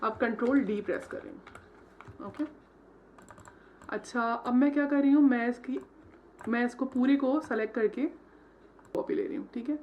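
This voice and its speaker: Woman teaching a design class at her computer, kinda high voice, keeps saying theek hai, some faint typing behind. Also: moderate pace, long pauses, a little mellow, lo-fi sound, slight background noise. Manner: step-by-step, frequent "theek hai" check-ins; mixes English terms into Hindi. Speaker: design tutor. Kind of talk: screen-recorded software tutorial.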